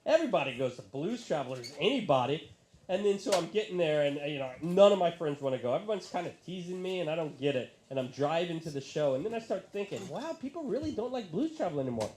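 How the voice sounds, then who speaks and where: A man's voice: on the high side, animated, fast, a little mellow, slight background noise. A man in his thirties doing live stand-up comedy in a bar, ranting in a profane, exasperated way into a handheld mic. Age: 30s.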